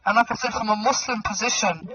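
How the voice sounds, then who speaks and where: A woman's voice: mid-range voice, quick pace, a crowd in the background. A woman hosting a live chat stream, ranting emphatically and loosely with lots of fillers. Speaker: livestream host. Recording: muffled with loud background noise.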